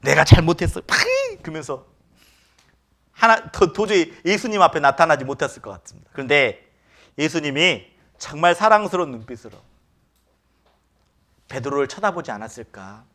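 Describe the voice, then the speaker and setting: A man's voice: on the high side, lively intonation, normal speed, long pauses. A man preaching a sermon as pastor in a church, often asking the congregation rhetorical questions. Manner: acts out quoted lines with sudden loud outbursts.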